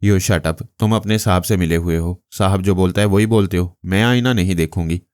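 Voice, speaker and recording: Male narrator doing a fiery young telepathic woman, indignant, deep dry read. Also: moderate pace, darkish tone, clear, resonant tone, no echo, natural voice. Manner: indignant, snapping.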